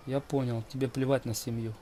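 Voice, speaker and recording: A man's voice: mid-range voice, level tone, fairly quick, mellow, a little hiss or hum, natural voice. A man putting on the voice of a whiny fifteen-year-old son who pleads and complains to his father. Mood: pleading.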